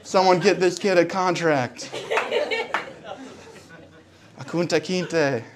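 A man's voice: sits high, moderate pace, background noise. A young man in his twenties vlogging from a bar and then from his parked car, chatting casually and recapping crude jokes from his comedy set. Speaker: comedian vlogging an open mic night. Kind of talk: casual vlog chat. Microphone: handheld camera at arm's length.

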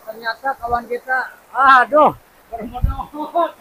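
A man chats casually with friends. His voice is high and rough-edged, with a sharp, bright tone. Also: fairly even intonation, slow pace, poor audio. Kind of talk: casual chat among friends.

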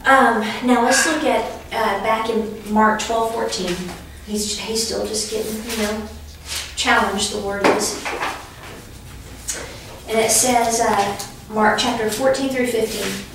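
In an echoey room, a Bible teacher's somewhat high, steady voice comes from a distance over a noisy background as she slowly leads a preaching class. She teaches conversationally through stories, laughing now and then at her own anecdotes.

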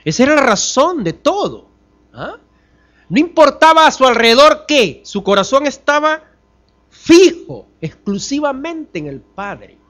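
Bright-voiced man preaching with dramatic drops. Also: extremely high pitch, sing-song, a little slow. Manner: rhetorical questions to the congregation, swinging between loud emphasis and soft drops. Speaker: pastor. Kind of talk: sermon. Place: church.

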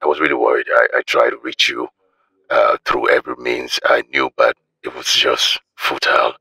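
A man's voice: extremely low pitch, level tone, moderate pace, creaky, pushed and bright, breathy edge, no echo, heavily acted, low-quality recording. An actor playing a concerned man who stammers earnestly while asking to visit. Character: concerned man calling about the patient. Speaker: worried caller. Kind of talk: film drama acting.

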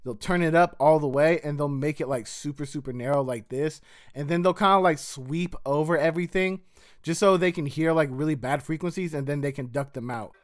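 A man's voice: a little high, a little fast. A man, a music producer, casually walking through his mixing steps in a slangy, laid-back tutorial voice.

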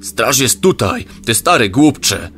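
A man voicing a gruff, scornful male commander of the royal guard in an audio drama, barking his words. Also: sits low, moderate pace, fairly bright tone, faint music behind.

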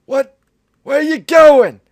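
A man's voice: extremely high pitch, slow pace, dry recording, voice pushed up. A young man faking a fretful old man's voice, strained and exclaiming, as comic commentary on a game.

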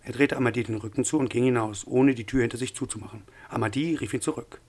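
Husky guy reading an audiobook, steady and measured, mid pitch. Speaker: audiobook reader. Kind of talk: scripted audiobook narration.

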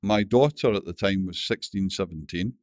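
In a casual interview, an older Scottish guest from Glasgow mumbles anecdotes and swears freely, his deep voice a little mellow at normal speed. The clean studio recording has no echo.

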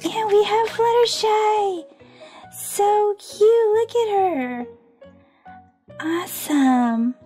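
Though she's sick and her voice is fading, a bubbly woman unboxing toys at a tabletop display indoors gushes over every one, giggling frequently and saying "super awesome" again and again. Her very high, warm voice moves extremely slowly with long pauses, over soft background music.

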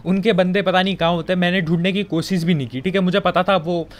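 High-voiced chatty young man with a Hindi accent. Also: fairly even intonation, fast. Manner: chatty, joking, colloquial filler-heavy. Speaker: gaming commentator. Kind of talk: casual gameplay commentary.

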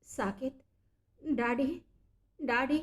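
A woman's voice: high voice, drawn-out words. A woman voicing a distressed young daughter who speaks in a choked, crying voice. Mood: sobbing. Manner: choked, sobbing voice.

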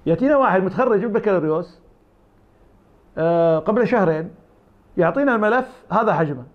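A high-pitched, expressive Iraqi man speaks fast with an Iraqi Arabic accent, answering interview questions as an academic guest. He's argumentative and uses imagined back-and-forth dialogues, and the recording sounds muffled.

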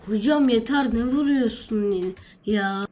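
A woman's voice: on the high side, takes it slowly, mellow, lo-fi sound. A woman doing a whiny cheeky schoolboy. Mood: pleading. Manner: whining, pleading, talking back. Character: cheeky super-strong schoolboy, whiny and pleading.

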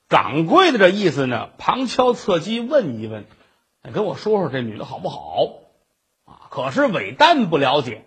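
Husky, lively male storyteller. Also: sits high. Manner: chatty, playing several voices. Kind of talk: traditional comic storytelling.

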